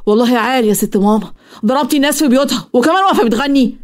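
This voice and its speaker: A woman's voice: high-pitched, racing, natural voice. A woman voicing a young man, an exasperated grown son, with an Egyptian accent. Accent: Egyptian Arabic.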